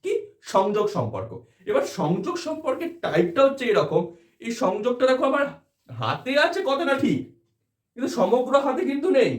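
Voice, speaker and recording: A man with a Bengali accent gives an exam-prep philosophy lecture, his fairly high voice rising and falling a lot. He explains step by step and keeps checking that students follow. The sound has a noticeable room echo. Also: huge pitch swings, a little fast. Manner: explanatory, asks rhetorical check questions. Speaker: philosophy tutor.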